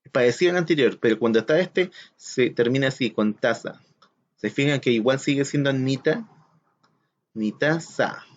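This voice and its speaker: A man's voice: medium pitch, normal speed. Patient male teacher, slightly dull audio. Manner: patient, counts aloud and asks questions to the class. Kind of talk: recorded classroom lesson.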